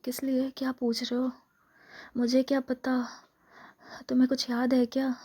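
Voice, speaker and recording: Playing a scheming, possessive vampire girlfriend for a romantic ASMR role-play, she speaks in a high, breathy, soft voice with an Indian accent, frequently slipping into a whisper. Her pace is slow and her melody very even. She coaxes tenderly and intimately, drawing out repeated phrases.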